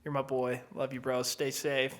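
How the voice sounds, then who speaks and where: A man co-hosting a casual podcast, animated and swearing freely, dropping into muttered asides. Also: medium pitch, normal speed. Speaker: podcast co-host. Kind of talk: casual chat.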